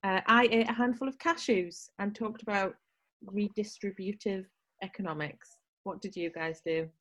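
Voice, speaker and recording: A woman's voice: medium pitch, moderate pace, fairly bright tone. A woman co-hosting an advice podcast, chatting casually and laughing often. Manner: chatty, laughs often, reads listener letters. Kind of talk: casual chat.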